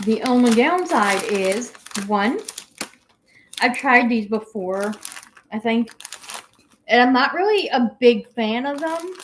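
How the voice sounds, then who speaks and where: A woman's voice: a little high, expressive, takes it slowly, pauses often, slight background noise. A young adult woman hosting a casual home livestream, rambling as she reads viewer comments aloud. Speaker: guinea pig channel host. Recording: echoey room.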